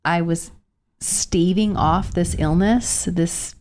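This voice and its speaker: A woman in her thirties co-hosting a casual podcast has a fairly low, slightly mellow voice, a little nasal from a cold. She speaks earnestly and reflectively, slowing in places, with a little hiss or hum on the recording.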